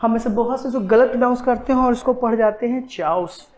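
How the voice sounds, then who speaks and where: A man with an Indian accent teaching English pronunciation, mixing Hindi and English and slowing down to spell out the English words. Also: very high-pitched, flat delivery, darkish tone. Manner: switches between Hindi and English, slow and deliberate on English words. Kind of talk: online pronunciation lesson. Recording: roomy echo.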